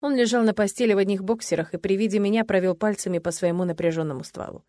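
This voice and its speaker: A woman's voice: medium pitch, quick pace, mellow, dry recording, studio quality. A woman narrating a first-person audiobook in an intimate, emotional storytelling manner.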